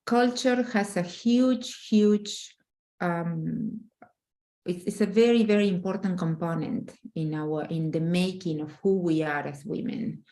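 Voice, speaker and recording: Speaking a little slowly in a lowish, dark-toned voice, this middle-aged relationship coach from Argentina gives a casual interview. She is earnest and emphatic, frequently starting her phrases over.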